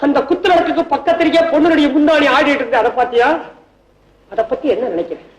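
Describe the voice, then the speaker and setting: An actor playing a weepy, whining young rich heir in an old film comedy, talking in a sing-song whine. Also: male voice, very high voice, quick pace, highs cut off. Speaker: comic lead, a weepy rich young heir called minor. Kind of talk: 1960s film comedy acting. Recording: echoey old film soundtrack.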